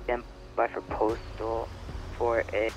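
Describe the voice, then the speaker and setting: A man's voice: medium pitch, monotone, slow, over music. A man calling in over game radio traffic, his transmission choppy and cutting out, sounding distant. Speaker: officer radioing dispatch.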